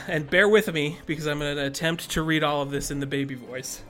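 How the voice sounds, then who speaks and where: A man's voice: a little high, a little fast, pushed and bright, faint music behind. Man recapping the plot on a podcast. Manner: summarizes the plot with filler "uh"s and frequent laughs. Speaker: podcast host. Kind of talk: casual chat and plot recap.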